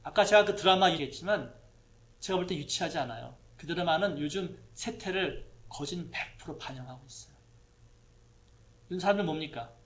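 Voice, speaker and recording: A male pastor gives a sermon in a church hall, speaking with a somewhat higher voice than most men. His delivery is conversational, and he often turns to the congregation with rhetorical questions. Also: expressive, brisk, fairly bright tone.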